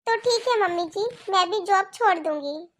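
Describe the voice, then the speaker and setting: A woman's voice: very high-pitched, normal speed, fairly bright tone. A woman voicing a sweet, clever young daughter-in-law in a cartoon, polite and sly.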